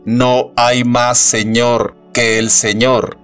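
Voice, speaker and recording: Booming metallic robot prophet, read by a male narrator: solemn, unbending, very slow and resonant. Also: level tone, a bit bright, clean tone, faint music behind. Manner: slow, measured, preaching delivery. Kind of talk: audiobook narration.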